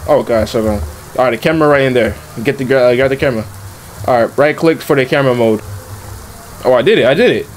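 A man giving casual let's-play commentary, talking in slang and reacting out loud to the game. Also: medium pitch, quick pace, a little hiss or hum. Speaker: gaming YouTuber.

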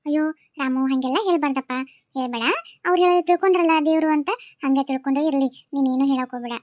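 A woman's voice: high voice, steady tone, very fast, darkish tone, no echo, clean studio sound, close to an everyday voice. A woman voicing a caring, secretly divine young guardian who speaks soothingly and motherly, with a North Karnataka accent. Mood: tender. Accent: North Karnataka Kannada.

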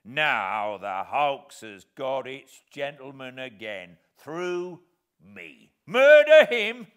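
A man reading aloud and voicing a rough escaped convict who shouts in gruff, scornful defiance. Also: mid-range voice, sing-song, measured pace, pitched above the performer's own voice.

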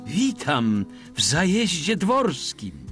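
A man doing a fawning high-voiced motel manager. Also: wildly swooping pitch, slow, heavily acted. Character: eager, overly polite male motel manager. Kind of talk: audiobook character reading. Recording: excerpt played over loud music.

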